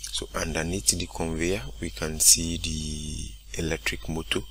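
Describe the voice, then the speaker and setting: A man walking through a software tutorial step by step, often saying "okay, great" between steps. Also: very deep voice, measured pace, noisy background. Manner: steady step-by-step explaining, repeats "okay, great". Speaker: instructor. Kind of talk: screen-recorded software tutorial.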